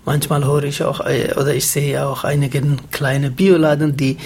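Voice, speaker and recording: Gravelly Somali-accented man, halting. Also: a little high, level tone, darkish tone. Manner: halting non-native German, many fillers. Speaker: interview guest. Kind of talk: radio interview answers.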